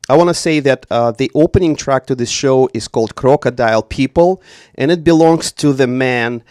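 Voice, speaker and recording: A man's voice: mid-range voice, moderate pace, a little mellow, clean tone, no room sound. A man hosting a live radio show from a small studio, introducing guests formally with many hesitations. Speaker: radio host.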